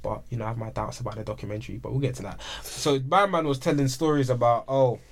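A man's voice: mid-range voice, fast. A man with a London roadman accent and heavy street slang, hosting a casual podcast chat. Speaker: podcast host. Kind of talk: casual group banter.

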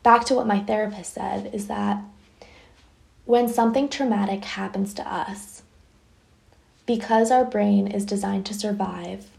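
Young woman podcaster, chatty and candid, lots of vocal fry, rambly. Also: mid-range voice, steady tone, unhurried, pauses often, a little mellow. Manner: candid, chatty, full of fillers. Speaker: podcast host. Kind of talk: personal storytelling monologue.

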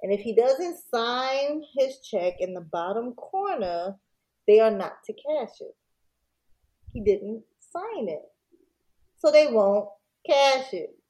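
A woman casually retelling a scam story on a podcast, slangy and digressive, pausing to laugh. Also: on the high side, very animated, a little mellow, low-quality recording. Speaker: podcast host.

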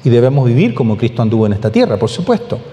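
A man preaching a sermon as pastor, emphatic and animated, asking rhetorical questions and now and then raising his voice. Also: medium pitch, very fast. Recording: echoey, long hall reverb.

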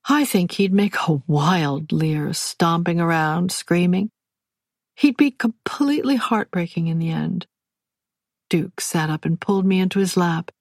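A woman giving measured, wry first-person audiobook narration. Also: fairly low pitch, a little mellow, no room sound, studio quality.

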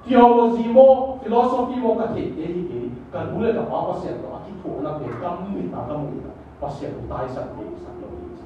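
A man preaches a sermon at a slow, deliberate pace, his voice sitting a little high and drawing answers from the congregation. He is heard from a distance in a strongly echoing church hall. The sound is dull, with faint room noise underneath. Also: big pitch swings, mellow. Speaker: pastor.

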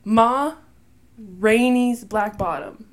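A woman's voice: a little high, drawn-out words. Chatty woman tripping over names. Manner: stumbling over names, apologetic, laughs often. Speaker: podcast co-host. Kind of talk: casual chat.

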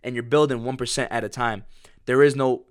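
A man's voice: mid-range voice, fairly even intonation, fairly quick, smooth, no room sound, clean studio sound. A young man giving a blunt, profane motivational pep talk, pushy and repetitive. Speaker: motivational speaker.

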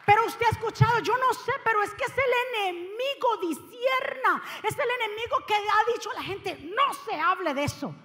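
A woman pastor preaches with fervor, rising to loud calls and then dropping to hushed asides. Her voice sits high, and a long reverb trails after her words in the church. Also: lively intonation, normal speed, hardly any pauses. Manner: impassioned preaching, swinging between loud exhortation and quiet asides. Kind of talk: sermon. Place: church sanctuary.

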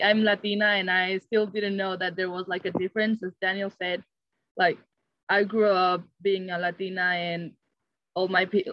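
A young woman from Mexico, a student athlete, speaking hesitantly with many pauses. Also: fairly low pitch, slight background noise. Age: young adult. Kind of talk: casual discussion. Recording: dull lo-fi dry sound.

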